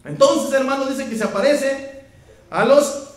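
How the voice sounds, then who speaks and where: A man's voice: very high voice, a little slow. A man preaching a sermon, speaking conversationally and calling the congregation brothers. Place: church. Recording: very echoey church hall.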